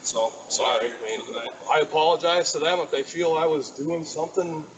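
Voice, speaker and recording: A man's voice: fairly high pitch, normal speed. Apologetic man in a noisy clip. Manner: apologetic, nervous laughs.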